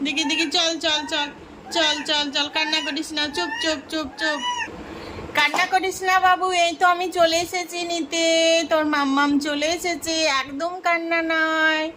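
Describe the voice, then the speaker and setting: A woman's voice: very high voice, little pitch movement, normal speed, noisy background. A woman voicing a doting young mother doll. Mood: soothing. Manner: doting, repeats words to a baby. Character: young Bengali mother doll, fussing and affectionate. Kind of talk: doll-play storytelling.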